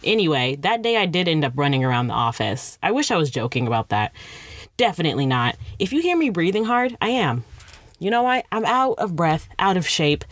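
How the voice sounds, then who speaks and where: A young woman with a low voice tells a comic story about herself, rambling into playful tangents and making fun of herself. The recording is dry, with no room sound. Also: no room sound. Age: young adult. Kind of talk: comedic storytime monologue.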